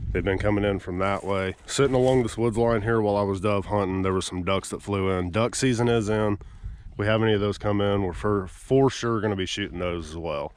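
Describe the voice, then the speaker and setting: A man's voice: lowish voice, a little hiss or hum. A man casually narrating a hunting vlog outdoors, chatty and easygoing, explaining things as he goes on an action camera. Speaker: hunting vlogger. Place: outdoors in a rural field.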